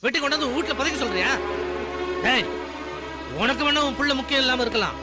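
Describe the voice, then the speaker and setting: A man's voice: very high-pitched, quick pace. An actor playing a distraught village father who sobs, pleads and scolds his daughter in a choked voice, in a film drama. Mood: anguished. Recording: film soundtrack under loud music.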